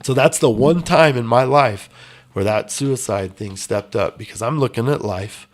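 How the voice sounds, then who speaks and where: A man telling his life story in an earnest, intense way, dropping quiet and then rising loud. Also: medium pitch, moderate pace. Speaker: interview guest. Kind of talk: emotional storytelling.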